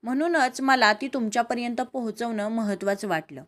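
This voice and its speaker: A woman's voice: a little high, moderate pace, lightly acted. A woman voicing a young woman who talks politely and earnestly.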